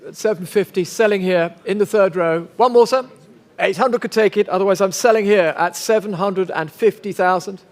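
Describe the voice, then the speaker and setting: Male auctioneer, high voice, formal and courteous, live bid-calling with repeated figures. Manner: polite, formal, coaxing bidders. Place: large auction sale room.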